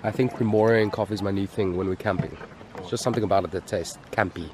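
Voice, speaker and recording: A man's voice: low voice, fairly even intonation, fast talker. A man in his thirties with a South African accent, chatting casually to a handheld camera outdoors. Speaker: vlogger. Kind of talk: casual vlog chat. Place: outdoors by river and roadside. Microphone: handheld camera at arm's length. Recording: noisy outdoor wind and vehicle sound.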